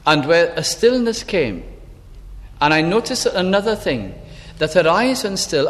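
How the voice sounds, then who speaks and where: A man preaching a sermon, telling a personal story slowly and deliberately. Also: sits high. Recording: long hall reverb.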